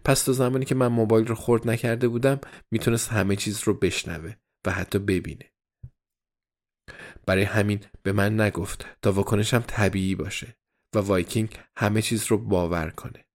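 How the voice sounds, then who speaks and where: A man narrating a novel in the first person as a diary, in an even, measured reading. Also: on the low side. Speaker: audiobook narrator.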